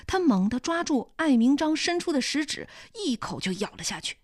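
A woman narrating a novel in clear, steady storytelling. Her voice is high and lively in pitch. The recording is dry and close, with no room sound. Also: normal speed, no room sound. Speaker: audiobook narrator. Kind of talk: scripted narration.

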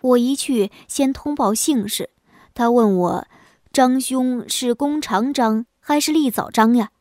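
A woman voicing a talkative, easily impressed scholar husband in a storybook tale, speaking a little lower. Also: a little slow, a little mellow, no room sound, studio quality, close to an everyday voice. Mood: admiring.

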